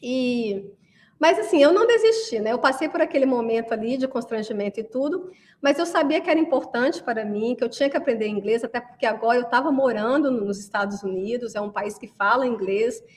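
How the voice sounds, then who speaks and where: A woman's voice: fairly high pitch, brisk, slight background noise. A woman from Brazil giving a chatty class to parents, often asking listeners to agree as she talks. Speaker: course creator addressing parents. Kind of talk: casual promotional class talk.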